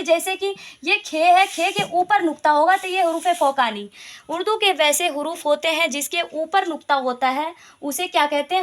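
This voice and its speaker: High bright-voiced woman teaching. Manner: explains step by step, repeats definitions, asks and answers own questions. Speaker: Urdu grammar teacher. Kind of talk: casual video lesson.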